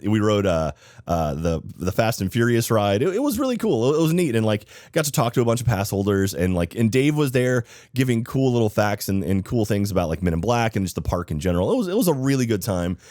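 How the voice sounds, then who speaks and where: A man's voice: lowish voice, very animated, a little fast, darkish tone, no echo, clean studio sound. A man hosting a podcast in a casual, chatty, enthusiastic way, his voice slightly off because he is sick. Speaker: podcast host.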